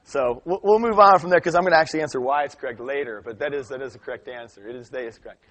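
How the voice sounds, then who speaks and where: A man leading a live grammar workshop, telling stories with lively acted-out voices. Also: medium pitch, rapid-fire. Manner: animated storytelling, acts out quoted voices.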